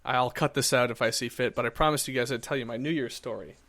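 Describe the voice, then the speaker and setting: A man's voice: mid-range voice, fast talker, dry recording. Chatty man telling a rambling story. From Iowa. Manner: rambling, animated storytelling with acted quotes. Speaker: podcast host. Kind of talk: casual chat, telling a story.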